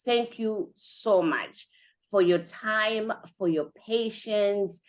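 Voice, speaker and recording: A woman hosts a podcast interview, effusive and chatty, with lots of "you know" fillers. Her voice is medium-pitched and she speaks very slowly.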